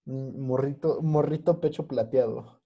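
A man's voice: mid-range voice, measured pace, dull audio. A man with a Mexican accent chatting casually as a podcast host, using lots of slang and dropping English words into his speech.

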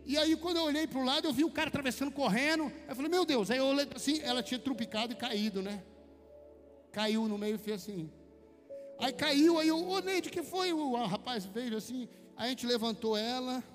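A man's voice: very high-pitched, a little fast. A man with a Brazilian accent preaching a conversational sermon, telling chatty personal stories and calling his listeners brother. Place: church hall. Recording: long hall reverb with faint music.

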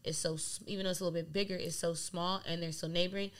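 A young DJ from Delaware, appearing as an interview guest, talks rapid-fire in a fairly low voice. Casual and animated, she rambles and uses "like" heavily.

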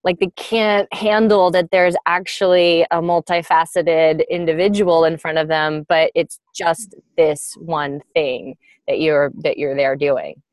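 A woman's voice: sits low, fairly even intonation, measured pace, hardly any pauses, no room sound. A woman speaking earnestly in casual chat.

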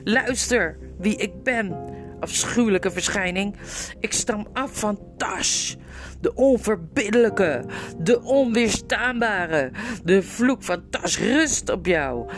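A woman's voice: animated, takes it slowly, over music. A woman reading aloud and voicing an arrogant young prince who rants and shrieks boastful curses. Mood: raging. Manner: shrill, ranting, boastful.

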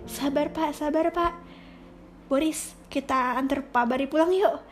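A woman's voice: high-pitched, unhurried, soft background music. A woman voicing an eager schoolboy urging his friend to help the teacher. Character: cheerful schoolboy helper, eager.

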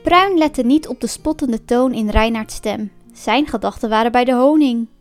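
High-voiced woman reading a storybook. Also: moderate pace, soft background music. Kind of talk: storybook narration.

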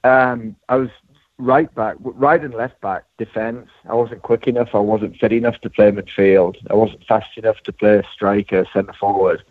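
A man with a Durham accent from north-east England talks in a modest, self-deprecating way. His voice is on the low side. The sound is thin and narrow, like a phone interview on the radio, and quite dry. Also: fairly even intonation, moderate pace, no room sound. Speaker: racehorse trainer, interview guest. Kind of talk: conversational interview.

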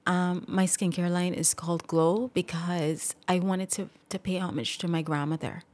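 A young adult woman talks through her story as a podcast guest. Her voice sits low for a woman, and she speaks in a relaxed, reflective way. When feelings rise she eases off with a small laugh. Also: moderate pace. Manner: reflective, gets emotional and laughs it off. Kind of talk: casual interview talk.

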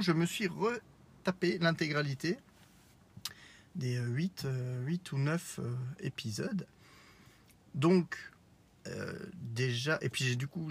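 A man with a Lorraine French accent talks through a casual solo podcast as he drives, his voice sitting a little high for a man. He wanders between thoughts, full of hesitations and restarts, and pokes fun at himself. The smartwatch mic picks up a faint hum of the car behind him. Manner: rambling, with many fillers and self-corrections; self-deprecating. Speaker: podcast host. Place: in a car while driving. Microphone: smartwatch microphone.

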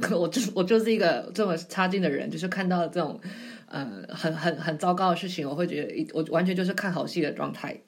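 Twenties woman rambling thru stories on her podcast, kinda low voice, pokes fun at herself. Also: fast. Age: 20s. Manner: chatty, rambling, self-mocking. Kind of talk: casual solo storytelling.

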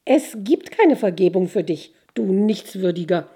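A woman's voice: a little high, animated, unhurried, mellow. Woman voicing a stern, commanding sorceress princess.

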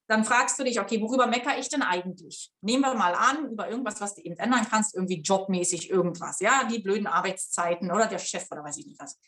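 A woman coach with a slightly high voice gives motivational advice straight to her viewers. She talks bluntly and casually, with the odd swear word. She slows right down to hammer home her main points. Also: fairly bright tone. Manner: emphatic, slows down to stress key points. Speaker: life coach.

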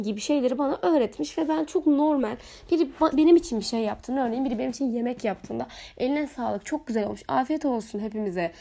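A young woman hosts her podcast alone, her voice hoarse as she recovers from a sore throat. She talks in a chatty, expressive way, acting out little everyday scenes. Her voice sits a little high. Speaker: podcast host. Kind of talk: casual solo podcast talk.

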